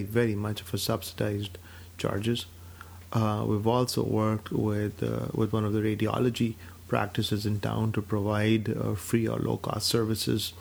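A man in his forties from Pakistan speaks in a low, somewhat gravelly voice. He talks in a measured, steady way about his work as a physician, with frequent fillers along the way. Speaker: physician and clinic director. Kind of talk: personal account to camera.

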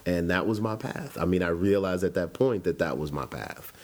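This is a deep, animated male voice with a darkish tone, moving at normal speed. He's in his forties, from Chicago, and tells his life story reflectively in an interview, conversational and full of restarts.

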